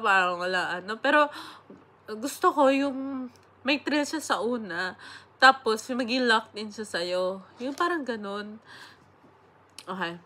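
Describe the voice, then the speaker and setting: A woman's voice: fairly high pitch, bright, forceful tone. A young Filipino woman vlogger chatting casually and rambling, swearing now and then, while sick. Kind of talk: casual chat.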